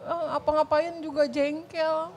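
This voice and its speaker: Hesitant high-voiced woman guest. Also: flat delivery, unhurried. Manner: hesitant, repeats herself, trails off. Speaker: guest seeking help. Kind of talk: confessional chat.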